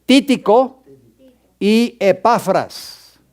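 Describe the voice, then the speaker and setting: Male pastor in a church classroom, high clear voice, teaching and dictating verses to students. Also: animated, extremely slow, a little mellow. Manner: quizzes the class and dictates scripture references. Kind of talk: Bible class lecture.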